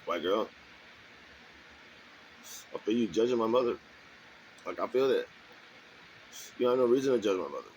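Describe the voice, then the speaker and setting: A man's voice: on the low side, expressive, moderate pace, long pauses, darkish tone, highs cut off, a little hiss or hum. A man talking alone in a garage in a rambling, defensive monologue, circling back to the same points and checking in with the listener again and again. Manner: defensive, repetitive, keeps asking "you know what I'm saying". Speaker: vlogger.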